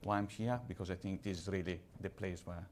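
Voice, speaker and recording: A man from Italy with an Italian accent, speaking on a conference panel as a pharma executive, measured and slightly halting in English. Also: low voice, fairly even intonation, darkish tone, slight background noise.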